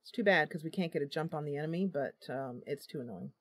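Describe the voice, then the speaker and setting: A woman with a low, breathy-edged voice talks quickly over a dry recording. Hosting a casual let's-play for her gaming channel, she thinks out loud through the game, says "um" a lot, and speaks playfully and directly to her viewers.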